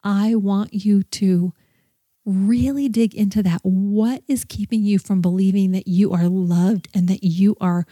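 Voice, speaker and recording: A woman's voice: mid-range voice, fairly even intonation, a little slow, mellow, no echo, clean studio sound. A woman hosting a devotional podcast, teaching and telling stories in an earnest, encouraging way. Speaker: podcast host teaching on prayer journaling.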